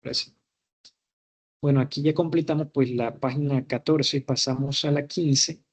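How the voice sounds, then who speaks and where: A young man, a university student, reading out verb conjugation exercises carefully, pausing on fillers and correcting himself. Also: medium pitch, steady tone, breathy edge.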